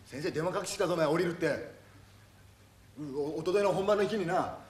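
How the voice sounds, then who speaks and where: An actor playing a gruff middle-aged TV production boss who berates his staff roughly and throws in insults all the time, in a stage comedy monologue. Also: on the high side, brisk, natural voice. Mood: scolding. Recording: echoey stage recording from far off, noisy.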